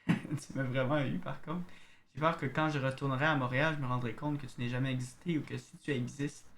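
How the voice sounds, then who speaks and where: A man's voice: medium pitch, steady tone, a little hiss or hum. A man with a Québécois French accent streaming a game, reading in-game letters aloud and chatting casually with viewers. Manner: casual, chats to viewers, reads letters in a slow narrating way.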